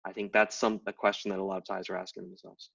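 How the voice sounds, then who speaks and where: A middle-aged game writer and anthropologist from Tidewater, Virginia has a low-pitched, gravelly, slightly rough voice with a fairly bright tone. He talks fast and level in a casual interview, explaining at length with many fillers and restarts. The audio is a distant, dull lo-fi live stream.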